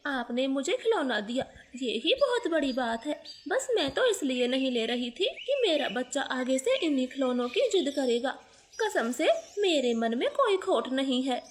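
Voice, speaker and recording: A woman's voice: sits high, slight background noise. Woman playing a humble crow maid. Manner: deferential, earnest pleading.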